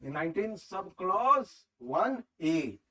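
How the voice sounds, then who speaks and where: A man with a Hindi accent teaching a class, briskly quizzing his students as he reviews questions. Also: sits high, very animated, sharp tone, distant mic.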